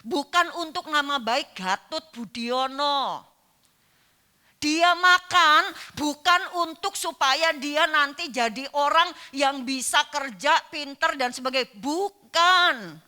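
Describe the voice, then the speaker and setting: A woman's voice: high-pitched, lively intonation, takes it slowly, pushed and bright. A woman pastor preaching a sermon in church, telling a personal story and acting out the dialogue she quotes.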